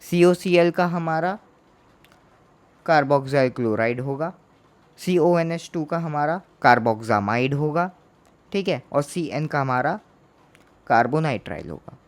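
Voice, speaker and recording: A man's voice: fairly high pitch, animated, a little slow, pauses often. A man teaching a chemistry lesson in Hindi, asking questions and answering them himself, repeating each term to drill it in. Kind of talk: Hindi classroom lecture.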